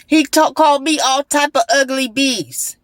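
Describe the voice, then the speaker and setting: Woman, young adult, slightly high voice, dry close sound, earnest preacher-like testimony vlog. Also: fairly even intonation, measured pace, no room sound. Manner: emphatic, repetitive, preacher-like urgency. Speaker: vlogger sharing a personal testimony. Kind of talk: emotional spoken testimony with prayer.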